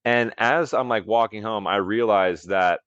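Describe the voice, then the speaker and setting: A man's voice: fairly low pitch, unhurried, a bit bright, clean tone, dry recording, highs cut off. A man as a podcast guest, telling a story in a casual, rambling way, full of "like" and restarts. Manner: rambling, heavy use of "like" and restarts. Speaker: podcast guest, longevity coach.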